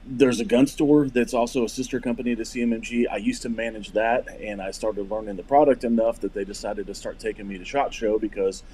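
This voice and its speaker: A man in his forties from Missouri, a podcast guest talking in halting casual chat with many restarts. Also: lowish voice, fairly even intonation, dark tone, husky. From Missouri, USA. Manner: hesitant, many fillers and restarts. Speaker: podcast guest, firearms company rep.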